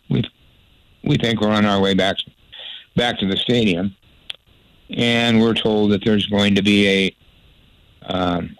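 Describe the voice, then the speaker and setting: Deep-voiced older man telling folksy stories. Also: a bit bright, dry recording, poor audio. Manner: folksy, rambling anecdotes with frequent restarts. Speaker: former sports radio broadcaster. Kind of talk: storytelling interview.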